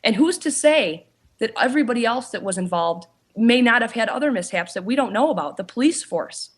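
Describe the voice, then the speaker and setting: A woman, a paranormal investigator and author, telling her story in a casual interview, often pausing with "you know" and restarting her sentences. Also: fairly high pitch, expressive, husky.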